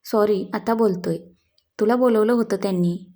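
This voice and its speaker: Brief: woman doing sly young guy in a read-aloud story, joking, stammers under pressure, mellow tone. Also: mid-range voice, normal speed, natural voice. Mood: flustered. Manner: teasing, nervous, joking. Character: young man, playful, sly, fumbling liar.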